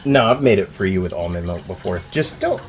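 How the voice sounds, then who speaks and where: A man's voice: low voice, lively intonation, fairly quick. A man co-hosting a cooking vlog, chatting casually and cracking playful jokes. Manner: playful, wisecracking. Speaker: co-host cooking on camera.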